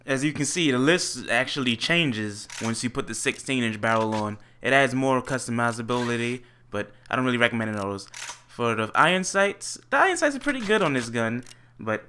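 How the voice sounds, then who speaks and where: A man's voice: mid-range voice, bright, forceful tone, slight background noise. A young man giving casual, joking commentary over a video game review, talking into a desktop mic. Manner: chatty, joking, easygoing. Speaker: gaming commentator. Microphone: USB desktop mic.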